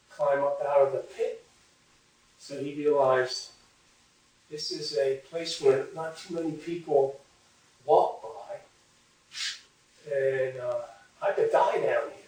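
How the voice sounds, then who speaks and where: A man slowly telling a moral parable, with pauses and fillers. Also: mid-range voice, a little mellow. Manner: slow, unhurried storytelling with pauses and fillers. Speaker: storyteller. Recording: very echoey room, far from mic.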